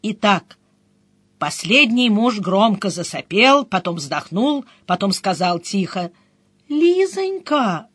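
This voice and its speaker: A woman's voice: medium pitch, lively intonation, slow pace, a bit bright, husky, dry recording. A woman reading a first-person story aloud in a dry, ironic storytelling manner. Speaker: audiobook narrator. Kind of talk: scripted first-person narration.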